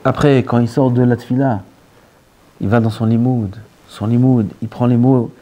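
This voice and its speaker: Animated rabbi, dark voice. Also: male voice, mid-range voice, normal speed. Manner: animated, dropping to near-whispers and rising again; mixes Hebrew terms into French. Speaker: rabbi giving a Torah talk. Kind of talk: sermon.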